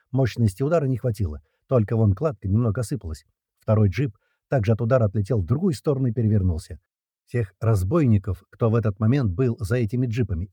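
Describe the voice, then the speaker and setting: Male audiobook reader, husky and dark, lively pitch, dry close sound. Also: no room sound. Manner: tense action narration, dialogue read aloud. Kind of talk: first-person audiobook narration.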